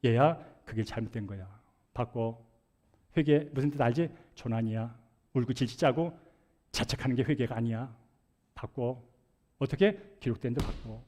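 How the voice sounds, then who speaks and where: A male pastor voicing a gentle fatherly divine figure who counsels a believer in hushed, firm, short commands. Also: medium pitch, moderate pace, pauses often, voice pushed down, lightly acted.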